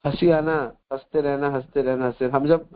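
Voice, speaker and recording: A man's voice: mid-range voice, steady tone, moderate pace. A man giving a spiritual discourse as a devotional teacher, switching between Hindi and English and repeating his phrases, with a chatty storytelling manner. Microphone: video call. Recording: dull lo-fi online call audio.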